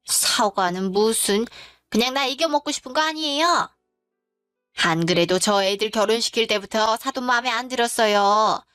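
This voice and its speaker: A woman's voice: a little high, fairly bright tone, no room sound, clean studio sound, lightly acted. A woman voicing a rude, scornful middle-aged mother-in-law who talks in a blunt, dismissive way in a dramatized story.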